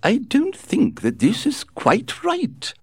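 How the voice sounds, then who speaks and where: A man's voice: very high voice, huge pitch swings, slow pace, breathy edge, no room sound, studio quality, voice pushed up, full character voice. A man voicing a flamboyant, gossiping society hostess in a theatrical, gushing way.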